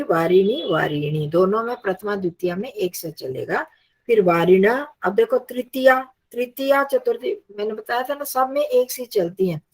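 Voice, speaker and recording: Lady teaching sanskrit online, slow and patient, chants noun forms one by one. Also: mid-range voice, darkish tone. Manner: patient, drills word forms aloud.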